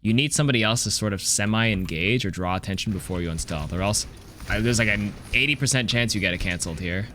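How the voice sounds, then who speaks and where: A man's voice: lowish voice, fast talker, a bit bright, slight background noise. A man reviewing gameplay as a coach, talking casually in a blunt, analytical and sometimes sweary way. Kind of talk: casual live game review commentary.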